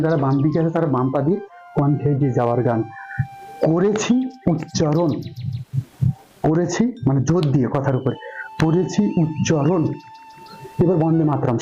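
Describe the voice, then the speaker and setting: A man with a fairly high, mellow voice teaches a dance routine, counting out the beats and singing lines of the song slowly. The recording is dull and lo-fi, with faint music behind. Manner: counts beats aloud while demonstrating steps; sings song lines slowly to show the moves. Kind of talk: dance tutorial instruction.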